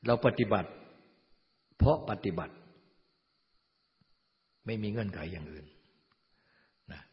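A man giving a Buddhist dharma talk in a calm, steady way, often adding a soft "na" between points. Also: fairly low pitch, slow pace. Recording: dull lo-fi sound, long hall reverb.

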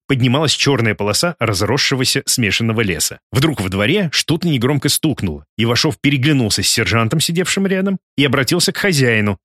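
A man narrating a novel as an audiobook in an animated storytelling manner. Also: medium pitch, no echo, studio quality.

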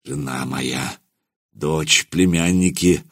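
A man voicing a cold, commanding old voivode in an audiobook, speaking in clipped, quietly menacing phrases. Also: extremely low pitch, takes it slowly, vocal fry, voice pushed down, exaggerated voice. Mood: cold, stern. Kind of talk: audiobook character voice.

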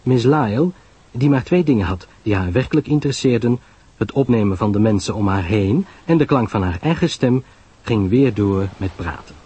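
A man narrating a radio drama in a lively storytelling manner. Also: lowish voice, normal speed, breathy edge, dull audio.

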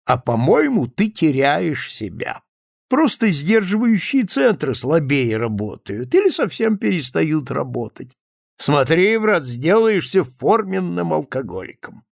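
A man voicing a calm doctor friend. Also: fairly high pitch, a little slow, vocal fry, no room sound, studio quality, pitched above the performer's own voice, heavily acted. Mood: reasoning. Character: sober, mildly irritated male doctor friend. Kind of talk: audiobook character reading.

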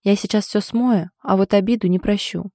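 A woman voicing a tipsy, sulky young woman who answers with huffy sarcasm, a little higher and louder than her narration. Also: steady tone, normal speed, no echo, studio quality, close to an everyday voice. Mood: sulky, sarcastic.

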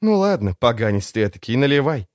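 A man voicing a cool, mysterious woman courier in an audiobook, wry and low-key. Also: sing-song, fast, a little mellow, no echo, clean studio sound, natural voice. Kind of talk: audiobook character voice.

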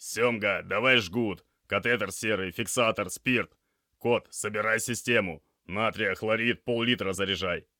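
A man voicing a brisk male paramedic who shouts clipped orders at his team. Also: lowish voice, no room sound, studio quality. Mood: barking orders.

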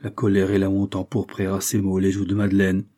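A man reading a classic novel aloud in a steady, measured audiobook narration. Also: low-pitched.

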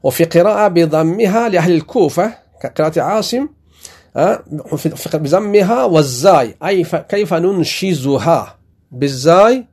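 Deliberate male teacher, higher pitch. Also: lively intonation, a little mellow, slightly rough. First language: Pashto or Dari. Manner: slow, deliberate reading of quoted text with explanations; frequent self-corrections and restarts. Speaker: sheikh teaching Quran commentary. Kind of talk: classroom lesson.

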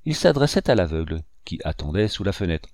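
A man narrating a novel in the first person with a measured storytelling delivery. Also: sits low, big pitch swings, a little mellow, no room sound, clean studio sound. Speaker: audiobook narrator. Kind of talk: scripted narration.

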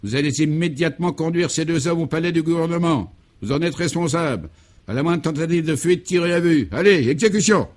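A man's voice: on the high side, a little fast, pitched above the performer's own voice, lightly acted. A pompous male secret-service officer, as a man puts him on, with formal, elaborate courtesy and a voice lifted a little above the narrator's own. He switches easily to curt orders. Comic radio-serial style. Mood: commanding.

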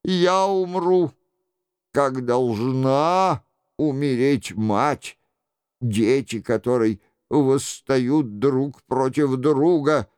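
A man's voice: mid-range voice, a little mellow, clear, resonant tone, no echo, clean studio sound. A coaxing scheming queen mother, read by a man. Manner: slow, pleading, coaxing delivery.

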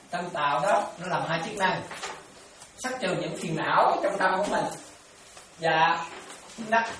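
A man's voice: on the high side, sharp tone. A man, a Buddhist monk giving a dharma talk, repeating terms and often checking that listeners follow. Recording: very echoey room, distant mic, faint noise.

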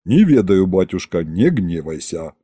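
A burly merchant in a historical fairy-tale audiobook reports with a low bow, speaking in old-fashioned, humble speech, as a male reader puts him on. His voice rises and falls lively and has a dark timbre, with a close, dry sound. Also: unhurried, breathy edge, dry recording, full character voice. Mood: respectful. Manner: bowing, old-fashioned and respectful.

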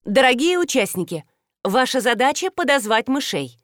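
A woman voicing a brash female TV show host who announces loudly and showily. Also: high-pitched, very animated, normal speed, no echo, studio quality, pitched above the performer's own voice. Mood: instructive. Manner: loud showy announcing.

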